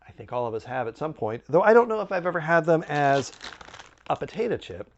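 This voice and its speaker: Male food review host, slightly high voice, very lively casual delivery, muffled recording. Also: fairly quick, a little hiss or hum.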